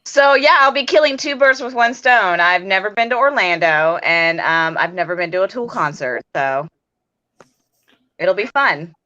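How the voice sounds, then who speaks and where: Bright woman on a lo-fi call. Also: medium pitch, lively intonation, moderate pace. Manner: chatty, laughs often, fillers like "like". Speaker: guest on video call. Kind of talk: casual chat.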